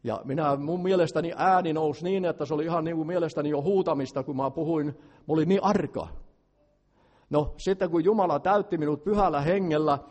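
Loud fervent older preacher, echoing hall. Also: male voice, a little high. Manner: loud, fervent, plainspoken with self-deprecating asides. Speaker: lay preacher. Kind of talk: revival sermon. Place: large meeting hall. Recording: long hall reverb.

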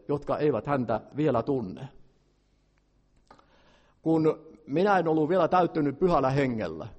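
An older man preaching a revival sermon with a big, fervent voice and plainspoken asides. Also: medium pitch. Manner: loud, fervent, plainspoken with self-deprecating asides. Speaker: lay preacher. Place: large meeting hall. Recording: long hall reverb.

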